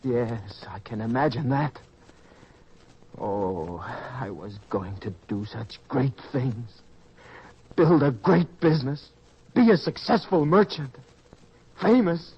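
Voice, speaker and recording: Man acting a husky, remorseful young prodigal son. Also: medium pitch, expressive, slow pace, pauses often, full character voice. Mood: dejected. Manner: earnest, pleading, theatrical. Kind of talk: old-time radio drama acting. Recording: dull, lo-fi radio-style recording.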